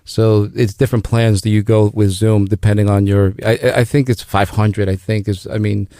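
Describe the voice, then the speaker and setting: A man's voice: lowish voice, little pitch movement, normal speed, dark tone, no echo, studio quality. A middle-aged man from El Salvador, a native Spanish speaker, talking as a guest in a radio interview, with many restarts and fillers. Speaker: guest, business founder.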